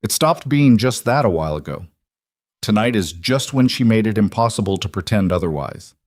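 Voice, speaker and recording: A man doing a guarded frontier rancher, clipped and measured, low and dry. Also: animated, dry recording, close to an everyday voice. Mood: grim. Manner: terse, measured. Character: guarded, steady rancher husband.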